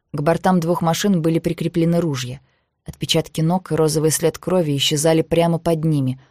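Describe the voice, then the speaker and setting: An audiobook narrator giving a measured, even reading of a thriller novel. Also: medium pitch, dry recording, clean studio sound.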